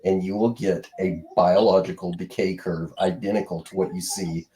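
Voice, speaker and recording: A man explaining a point slowly and deliberately during a debate chat, with occasional fillers. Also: low-pitched, fairly even intonation, warm tone, rough recording. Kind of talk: casual explanation.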